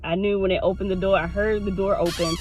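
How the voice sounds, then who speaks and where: A woman's voice: medium pitch, fairly even intonation, quick pace, darkish tone, slight background noise, low-quality recording. A woman vlogger telling a candid storytime to her viewers, with frequent swearing. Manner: talks straight to the viewers. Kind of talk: casual storytime.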